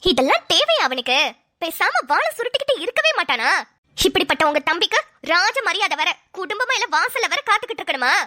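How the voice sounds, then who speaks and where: A woman voicing a sharp-tongued young wife in a cartoon, grumbling and sarcastic. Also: very high voice, big pitch swings, a little fast, heavily acted. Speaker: cartoon voice actor. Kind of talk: cartoon voice acting.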